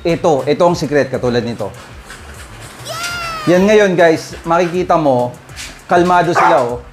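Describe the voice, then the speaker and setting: A man's voice: on the high side, expressive, moderate pace, very noisy. A man, a dog breeder chatting casually to viewers at his home kennel, often calling out "guys" and pointing things out. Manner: chatty, addresses viewers directly, frequent "guys" and "oh". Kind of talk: casual vlog talk to viewers. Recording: music bed under voice. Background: music playing.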